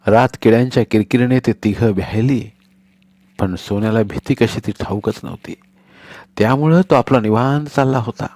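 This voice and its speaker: A man narrating a storybook in a steady, expressive reading. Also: medium pitch, normal speed, no echo.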